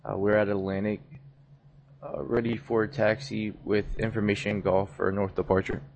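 A man's voice: fairly low pitch, flat delivery, normal speed, vocal fry, darkish tone, a little hiss or hum. A man, a pilot, making clipped radio calls to ground control over a cockpit headset radio.

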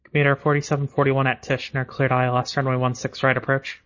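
An air traffic controller gives clipped, matter-of-fact procedural instructions over the radio. His mid-range voice is monotone and a bit bright, and he talks fast, heard through dull, band-limited radio transmission audio.

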